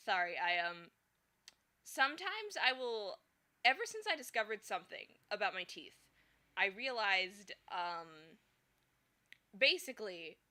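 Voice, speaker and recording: A woman live-streaming in a loose, chatty way, her voice bright and clear at an everyday pitch. She rambles through her thoughts with plenty of fillers and breaks into giggles often. Now and then her s sounds slip into a slight lisp. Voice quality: slips into a slight lisp at times. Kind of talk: casual live-stream chat.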